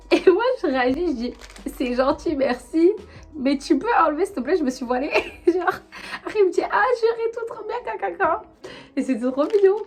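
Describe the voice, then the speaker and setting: A young woman telling a personal story to her viewers in a chatty, animated way, full of slang and fillers, with a high voice. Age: young adult. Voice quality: high-pitched. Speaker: vlogger. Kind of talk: casual storytelling to camera.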